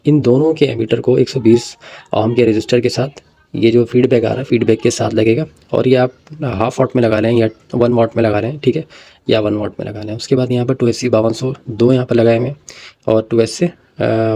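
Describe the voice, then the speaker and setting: A man hosting an electronics tutorial, walking through a circuit diagram in a casual way with pauses and repeated "ٹھیک ہے" check-ins. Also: medium pitch, little pitch movement, gravelly, dark tone, no echo.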